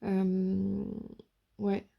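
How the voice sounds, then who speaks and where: A woman giving a casual tarot reading to her viewers, speaking softly and hesitantly with many fillers and restarts. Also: medium pitch, completely flat delivery, very slow, gravelly, dull audio. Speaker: tarot reader.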